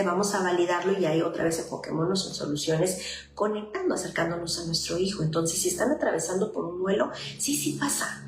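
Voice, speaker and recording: A woman's voice: on the low side, echoey room, a little hiss or hum. A woman with a Mexican accent, a psychologist talking earnestly and directly to parents, with many fillers. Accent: Mexican Spanish. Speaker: psychologist giving parenting advice. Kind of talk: informal advice talk to parents.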